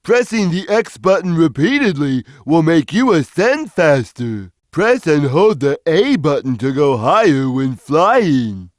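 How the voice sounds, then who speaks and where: Big friendly dim-witted game cat: very slow, simple, childlike delivery with lively swings in pitch. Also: male voice, no echo. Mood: slow, instructive. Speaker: video game character. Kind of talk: video game voice lines.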